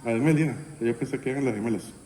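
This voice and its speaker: A man's voice: medium pitch, racing, warm tone. Man preaching in an echoey hall. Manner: conversational preaching, frequent "¿verdad?" tags. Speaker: pastor. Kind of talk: sermon. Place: church sanctuary.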